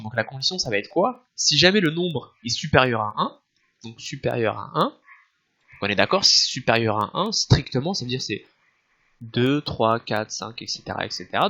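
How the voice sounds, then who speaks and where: A man teaching a screen-recorded software tutorial, explaining step by step with frequent restarts and filler sounds. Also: medium pitch, dull audio. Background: soft background music.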